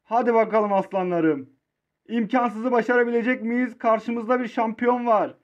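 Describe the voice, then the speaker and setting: A man in his twenties from Turkey, commentating live on his own mobile football match, swinging between low muttering and excited shouting. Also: normal speed, muffled recording. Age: 20s.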